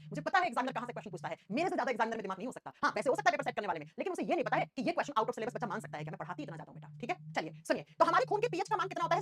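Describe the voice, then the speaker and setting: A woman in her thirties teaches an exam-prep class at a rapid clip. Her voice sits high and swings widely in pitch, with a husky edge. She keeps firing questions at her students and answering them herself. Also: fairly bright tone.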